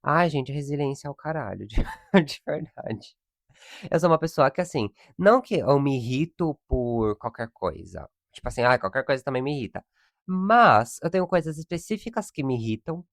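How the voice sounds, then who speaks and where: A man's voice: mid-range voice, big pitch swings, moderate pace, no room sound, studio quality. A young man hosts a solo podcast, ranting in exasperation about everyday annoyances and laughing often. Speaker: podcast host. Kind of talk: casual solo podcast monologue.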